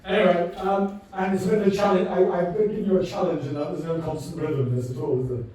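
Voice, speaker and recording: A man's voice: sits high, fairly even intonation, fast talker, mellow. A man in his sixties hosting his own gig, chatting between songs in a jokey, rambling, self-mocking way. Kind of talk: chatty between-song banter. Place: live music venue. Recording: echoey venue from far off, music behind.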